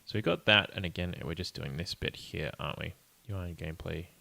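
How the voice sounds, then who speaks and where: Low-pitched, quick, creaky, bright and forceful, this young man's voice carries his coding live-stream as an indie game dev. He talks casually, muttering and thinking aloud with an apologetic air.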